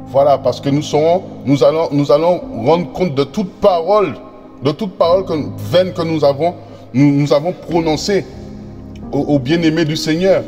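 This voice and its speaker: A man preaches to his congregation in a slightly raised voice, reading verses slowly and stumbling over repeated words and fillers. His voice rings with a long reverb, and soft music plays faintly underneath. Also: fairly high pitch. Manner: reads verses slowly and deliberately; addresses listeners as brothers, sisters and friends. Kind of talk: sermon with scripture reading.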